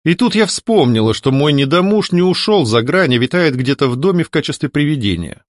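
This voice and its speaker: A man's voice: fairly high pitch, sing-song, a little fast, dry recording, clean studio sound. A man narrating a story in the first person, reading with expression. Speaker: audiobook reader. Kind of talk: scripted narration.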